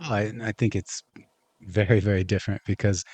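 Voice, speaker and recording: A man from the United States hosts the conversation in an easy, soft-spoken manner. His voice sits somewhat low, and the sound is dry and close. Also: fairly even intonation, a little fast, breathy edge, no echo. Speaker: podcast host. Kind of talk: casual interview talk.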